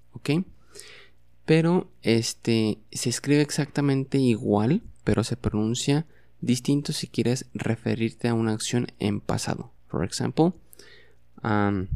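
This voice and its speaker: A man's voice: mid-range voice, vocal fry, mellow, no echo. A man teaching as a podcast host in a bilingual lesson, patiently repeating words and phrases for the listener to say back.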